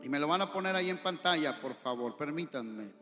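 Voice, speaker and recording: A male pastor with a Mexican accent preaching a sermon in a church hall, impassioned, rising to shouts and asking the congregation questions. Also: a little high, animated, a little fast. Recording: echoey hall with long reverb, faint music.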